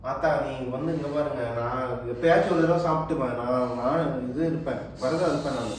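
A man's voice: medium pitch, brisk. Flustered man pleading. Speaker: husband being pranked. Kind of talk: casual comedic home video. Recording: echoey room from far off with faint noise.

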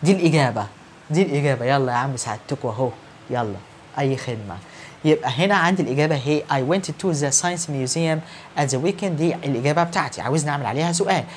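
Egyptian guy teaching english online, rattles along quick, cheers on pretend students, faint hum behind. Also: a little high. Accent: Egyptian Arabic. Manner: brisk, encouraging, answers imagined students. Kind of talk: recorded online grammar lesson.

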